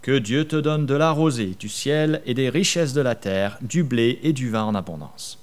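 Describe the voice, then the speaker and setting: A man's voice: medium pitch, expressive, normal speed, natural voice. A pastor reading the lines of an old blind father from scripture in a solemn tone. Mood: solemn blessing.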